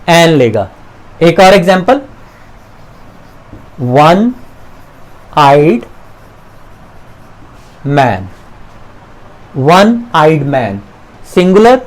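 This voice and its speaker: Patiently repeating examples and asking the viewer questions, a man explains English grammar in a lesson. His darkish-toned voice sits high, and the audio is poor.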